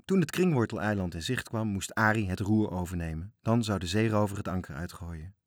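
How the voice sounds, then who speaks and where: A man narrating a children's storybook, reading in a measured, expressive way. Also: lowish voice, no room sound, clean studio sound.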